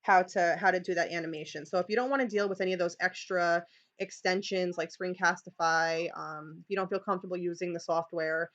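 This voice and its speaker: A woman's voice: on the low side, fairly even intonation, fairly quick, a bit bright, lo-fi sound. A woman with a New York accent leading a live screen-share tutorial for teachers, chatty, with many "okay"s and restarts. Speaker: teacher leading a training session.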